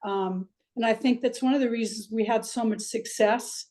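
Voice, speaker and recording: A woman's voice: on the high side, moderate pace, a little mellow. An older woman from Iceland, a swim coach, talking reflectively in a chatty way with lots of fillers during an interview. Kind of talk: interview over video call.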